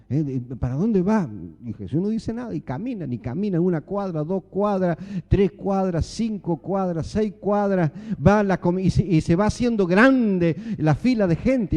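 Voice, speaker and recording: A high-pitched pastor with an Argentine Spanish accent preaches a sermon in church, animated and firing rhetorical questions at the congregation.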